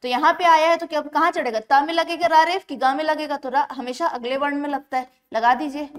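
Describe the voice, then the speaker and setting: A woman teaching an exam-prep grammar lesson, explaining step by step and slowing down to spell words out syllable by syllable. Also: high-pitched, steady tone. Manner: explains step by step, often checks in with the class.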